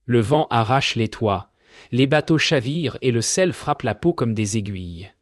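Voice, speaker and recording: A man narrating a fairy tale in a solemn, measured way. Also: medium pitch, expressive, no room sound, clean studio sound. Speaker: storyteller.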